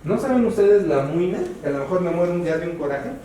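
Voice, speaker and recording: A Mexican pastor preaches in a high, lively voice, swinging between sharp exclamations and low, quiet asides. He sounds set back from the mic. The sound rings with the heavy echo of a large church hall. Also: fast, slight background noise. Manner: animated preaching, rising to exclaim and dropping low. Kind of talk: sermon. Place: church sanctuary. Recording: echoey church hall from a distance.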